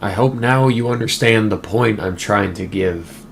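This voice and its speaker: A man's voice: fairly low pitch, unhurried, creaky. A man giving a casual, emphatic movie review with conversational side remarks. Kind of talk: casual video essay. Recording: faint background noise.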